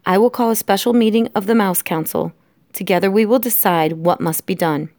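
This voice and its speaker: A woman's voice: mid-range voice, fairly quick, darkish tone, dry recording, natural voice. Storybook role: indignant mouse patriarch, stern, theatrical and despairing, emphatic delivery, dry sound played by a woman. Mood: stern indignation. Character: melodramatic, exasperated father mouse, stern and despairing.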